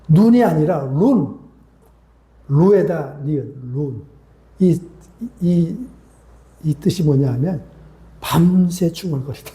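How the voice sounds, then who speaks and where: A man's voice: high-pitched, warm tone. A male pastor preaching a sermon, calling out to the congregation with rising exclamations and repeated questions. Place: church sanctuary. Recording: echoey church hall sound.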